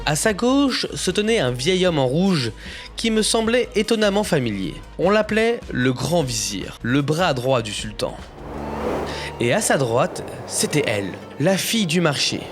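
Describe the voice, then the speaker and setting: A man playing young Aladdin, telling his own adventure in expressive, suspenseful storybook narration. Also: a little high, measured pace. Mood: expressive narrating. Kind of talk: dramatic scripted first-person storybook narration. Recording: music bed behind narration.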